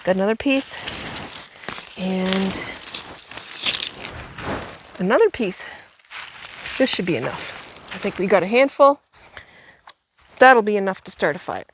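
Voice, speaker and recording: A woman vlogging casually at a backcountry campsite, chatty and quick to laugh, filming on a handheld camera. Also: mid-range voice. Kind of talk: casual camping vlog chat. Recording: outdoor clip with steady background noise.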